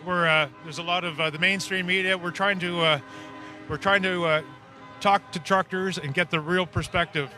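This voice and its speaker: A man's voice: high-pitched, steady tone, normal speed, pushed and bright, soft background music. A man doing a street interview outdoors, earnestly asking long leading questions. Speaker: independent media interviewer.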